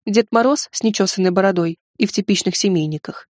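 A woman's voice: mid-range voice, quick pace, a little mellow, dry recording, clean studio sound. A woman narrating a first-person fantasy audiobook in a wry, ironic storytelling manner.

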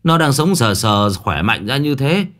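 A man's voice: medium pitch, big pitch swings, a little slow, voice pushed up. Man doing a coarse, hot-tempered old landlord. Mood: angry. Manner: shouting, cursing, wailing.

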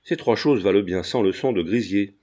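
A man's voice: lowish voice, moderate pace, dark tone, lightly acted. A man reading an audiobook voices a lovesick young painter with a tender, earnest manner.

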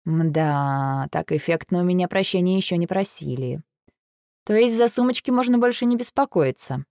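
A woman reading a first-person audiobook, lively and exasperated in her delivery. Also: fairly low pitch, moderate pace, dry recording, studio quality. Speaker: audiobook narrator.

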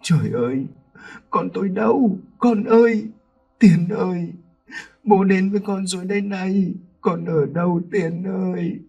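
A man's voice: sits high, unhurried, vocal fry, mellow, slightly rough, lo-fi sound, soft background music, voice pushed up, heavily acted. Man doing a shaken old father, breathless. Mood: grieving. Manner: mumbling, breathless calling out.

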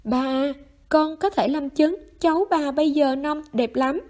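A woman voicing a plain-spoken, strong young man who talks gently and coaxingly in a story reading. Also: high voice, unhurried, voice pushed up.

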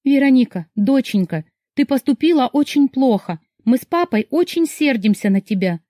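A woman's voice: high voice, animated, normal speed, mellow, dry recording, clean studio sound, pitched above the performer's own voice. A woman voicing a stern mother who scolds her daughter in a firm, insistent tone. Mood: reproachful. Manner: firm, reproachful.

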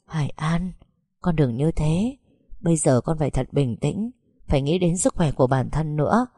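A woman voicing a worried middle-aged mother in an audio story, coaxing and scolding softly. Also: low-pitched, animated, normal speed, slightly rough, dry recording, studio quality, full character voice.

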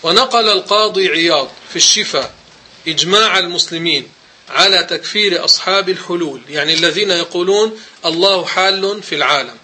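A man's voice: high-pitched, a little fast, bright, forceful tone, slight background noise. A man giving a religious lesson, commenting on a text and firmly correcting wrong sayings. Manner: emphatic, corrective explaining. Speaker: religious teacher.

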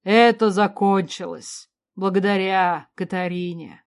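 A woman reading an audiobook, voicing an older remorseful king father who mutters slowly and loudly. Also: medium pitch, steady tone, lightly acted. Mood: remorseful, muddled. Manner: slow, loud, mumbling.

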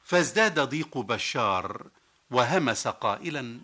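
A man's voice: mid-range voice, lively intonation, unhurried, bright, forceful tone. A man presenting a scripted radio literary program in formal classical Arabic, telling anecdotes and quoting verse.

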